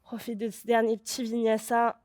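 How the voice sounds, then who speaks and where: A woman leading a guided yoga class, calmly cueing each breath and pose and encouraging the listener along. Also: on the high side, normal speed, dry recording, studio quality. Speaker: yoga teacher.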